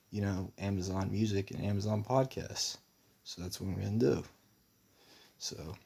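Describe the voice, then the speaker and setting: A young man with a very low, gravelly voice talks in a rambling personal monologue. His delivery stays flat and monotone, and his voice sounds slightly husky. He meanders, full of fillers and restarts. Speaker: vlogger.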